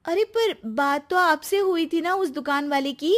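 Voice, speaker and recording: A woman voicing a cheerful young daughter-in-law in a cartoon story, who talks in an excited, bragging way. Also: extremely high pitch, measured pace, pitched above the performer's own voice.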